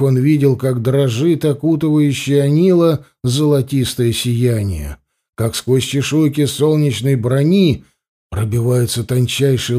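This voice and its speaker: A man's voice: mid-range voice, warm tone. A man narrating an adventure audiobook expressively, doing voices for the characters.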